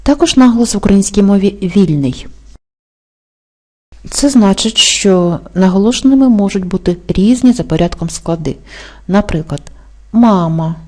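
A woman teaching an exam-prep language lesson, explaining rules slowly and carefully and spelling out example words. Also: medium pitch, lively intonation, darkish tone. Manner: slow, careful dictation-like delivery.

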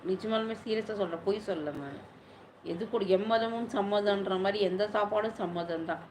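A woman's voice: medium pitch, brisk, darkish tone, slight background noise. A woman chatting casually on a live stream, answering viewers' questions at length.

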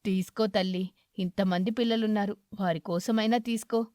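A woman voicing a kind old male eagle who begs for food, speaking slowly and softly. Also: mid-range voice, fairly even intonation, no echo, studio quality, natural voice. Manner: slow, soft-spoken and pleading.

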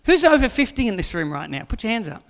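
A man's voice: high-pitched, big pitch swings, fast talker, vocal fry. A man in his forties, a pastor preaching a sermon on a church stage into a handheld mic, joking with the audience and then pressing questions. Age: 40s.

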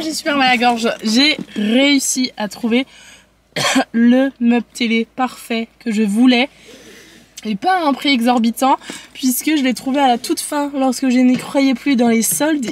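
A young adult woman rambles casually to her viewers as a lifestyle vlogger, thinking aloud on camera in her living room, her car and a furniture store. Her voice sits high and moves at a normal speed, with slight background noise.

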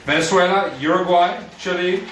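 A young man hosting a challenge in casual, excitable, rowdy banter with friends. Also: sits high, moderate pace, roomy sound. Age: young adult. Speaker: challenge host. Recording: noisy camera sound with clear background noise.

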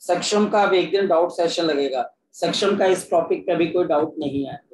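A man's voice: fairly high pitch, moderate pace, darkish tone. A man teaching a physics class online in a coaxing, repetitive way, often calling his students "kids". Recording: echoey room with faint ambient noise.

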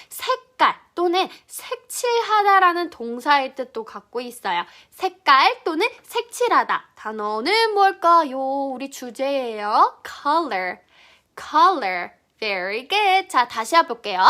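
A woman teaching English pronunciation to children, cheerful, drilling each word in slow drawn-out repeats. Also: sits high, bright, forceful tone.

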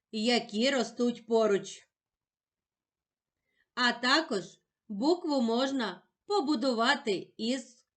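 A woman teacher giving a patient, encouraging lesson for young children, sounding words out slowly and carefully. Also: on the high side, a bit bright. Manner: slow, carefully sounded-out speech.

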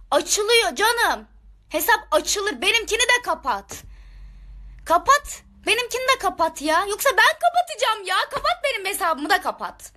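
Very high, exasperated woman ranting. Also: pushed and bright. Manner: exasperated, repeats questions. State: shaking with anger. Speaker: streamer addressing viewers. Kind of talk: angry live-stream rant.

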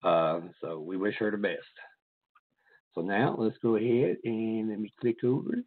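A man's voice: fairly low pitch, unhurried, no room sound. A man hosting a casual interview podcast, swearing freely and stumbling through restarts. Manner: profane, rambling, stumbling restarts. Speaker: podcast host. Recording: tinny phone-like dry sound.

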